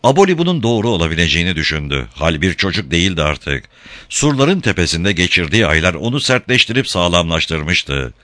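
Male audiobook narrator, low voice, lively, bright, dry close mic. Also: fairly quick, dry recording. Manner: expressive, lively storytelling. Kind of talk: audiobook reading.

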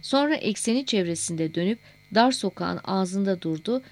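A woman narrating a novel as an audiobook in a measured, steady reading voice. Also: mid-range voice.

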